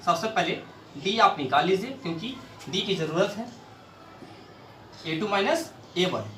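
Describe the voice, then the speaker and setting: A man's voice: sits high, fairly bright tone. A man teaching a maths lesson, asking questions and answering them himself as he works problems on a board. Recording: echoey room, mic far off, faint noise.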